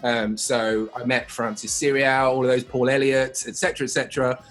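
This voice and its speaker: A man interviewing a guest, talking in a halting way with many restarts and fillers. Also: medium pitch, level tone, a bit bright, faint music behind. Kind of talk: casual interview chat.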